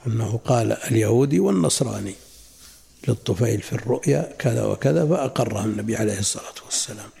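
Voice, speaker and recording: Gravelly older man teaching a classical lesson. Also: mid-range voice, mellow. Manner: measured, repeats phrases for emphasis, asks rhetorical questions. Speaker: sheikh teaching a book.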